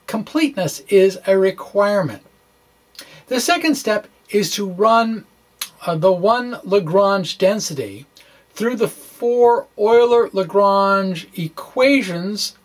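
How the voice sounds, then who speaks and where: A science blogger reads his own technical writing aloud, dramatically and at a very slow, measured pace. His middle-range voice phrases things deliberately and theatrically, then loosens into casual, informal asides.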